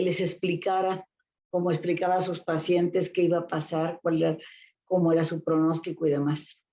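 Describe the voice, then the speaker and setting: Here an older woman with a Mexican accent speaks as a guest therapist, casually telling stories from her career with many fillers and false starts. Her voice is fairly low and dark, and the recording has its highs cut off.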